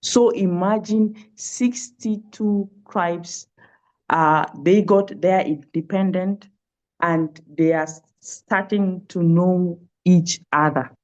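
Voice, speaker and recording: A woman's voice: on the low side, fairly even intonation, takes it slowly, darkish tone. A woman from South Sudan answering interview questions on a webinar, hesitant and searching for words. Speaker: pastoral care and trauma healing worker. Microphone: video call. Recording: dull lo-fi call audio.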